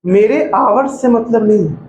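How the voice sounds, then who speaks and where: A male coaching teacher, talking to a class in a joking, lively way and mimicking students. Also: extremely high pitch, moderate pace. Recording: echoey classroom with faint noise.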